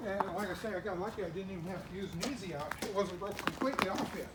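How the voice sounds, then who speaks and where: A man's voice: sits high, fast talker, a bit bright, slightly rough. A man, a salesman, explaining a repair in a plain, hesitant way. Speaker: tractor salesman doing a repair.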